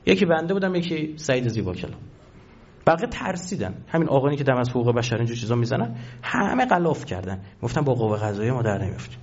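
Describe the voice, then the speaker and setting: A man's voice: mid-range voice, dull audio. A man who is a university professor, giving a public talk and telling stories animatedly, addressing his listeners fondly. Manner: animated, storytelling, addresses listeners as dear ones.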